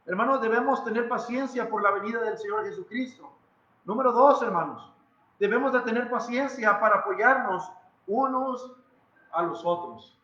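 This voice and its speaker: A man's voice: very high-pitched, normal speed, pushed and bright, echoey room, dull audio. A man with a Mexican Spanish accent preaching a sermon in a church, emphatic and dramatic, who repeats phrases and puts questions to the congregation. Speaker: pastor. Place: church hall.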